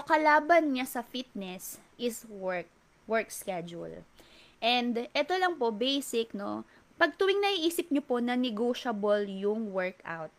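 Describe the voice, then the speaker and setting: A Filipino-accented woman fitness trainer giving a polite talk to an audience, often asking rhetorical questions. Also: mid-range voice. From Philippines.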